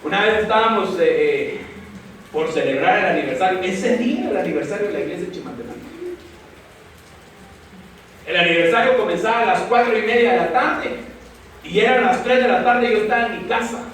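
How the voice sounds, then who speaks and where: A man preaching as a pastor, telling an emotional story that climbs high and at times breaks into shouts. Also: fast talker, far from the mic, a little hiss or hum. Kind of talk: sermon. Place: church hall. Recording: echoey church hall, from the mic.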